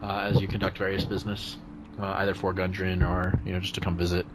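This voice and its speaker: A man narrating casually as game master, improvising hesitantly with lots of pauses. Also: deep voice, monotone, very noisy.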